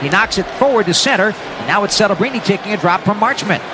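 A North American man calling live ice hockey play-by-play for radio in an energetic, descriptive running style. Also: high-pitched, fast talker, music in the background. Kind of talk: live sports play-by-play commentary.

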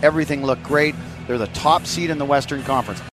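A man's voice: on the high side, fast talker, over loud music. A man giving pregame radio commentary as an analyst, emphatic and building his points with lists and repetition.

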